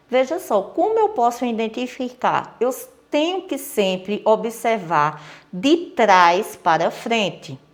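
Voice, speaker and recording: A woman teacher with a Brazilian accent gives a recorded lesson to children, patient and repetitive, checking in often and stressing example words slowly. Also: medium pitch. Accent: Brazilian Portuguese. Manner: patient, repeats key points, checks with "certo?". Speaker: primary school teacher.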